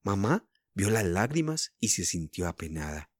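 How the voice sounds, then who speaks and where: Expressive storyteller man. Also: low-pitched, normal speed, dry recording, studio quality. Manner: expressive, addresses young listeners. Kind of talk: children's story reading.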